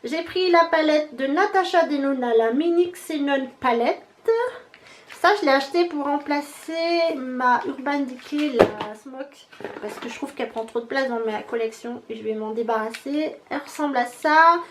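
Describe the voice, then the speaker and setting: A woman in her thirties with a high, light voice runs through a beauty haul, holding up products one after another in a relaxed, chatty way. A faint hiss sits under her voice. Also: moderate pace. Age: 30s. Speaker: beauty vlogger. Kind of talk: casual haul chat.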